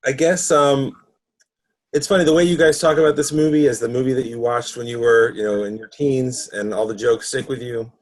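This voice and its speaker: A man's voice: medium pitch, fairly even intonation, fairly quick. A man chatting on a podcast, candid and dry as he explains why a classic comedy leaves him cold. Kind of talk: casual film discussion.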